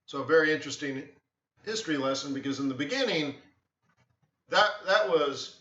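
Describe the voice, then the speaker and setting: A man's voice: fairly high pitch, normal speed. A man hosting a live trading stream, telling rambling stories in casual chat. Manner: rambling, storytelling, animated with acted quotes. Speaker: forex trading livestream host. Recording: roomy, distant, slightly dull sound.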